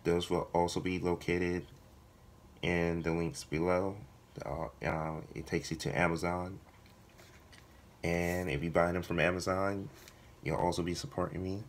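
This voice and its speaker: Male vlogger, hoarse voice giving out, slow and fairly monotone, casual delivery to viewers. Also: low voice, slight background noise. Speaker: video blogger, writer. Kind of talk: casual vlog talk to viewers.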